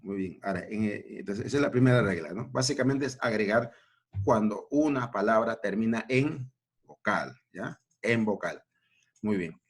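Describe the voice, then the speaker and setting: A man's voice: fairly low pitch, expressive, slightly rough. A man teaching a grammar lesson at a board, repeating points and checking in with short questions. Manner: slow, repetitive, checking in with "¿no?" and "¿ya?".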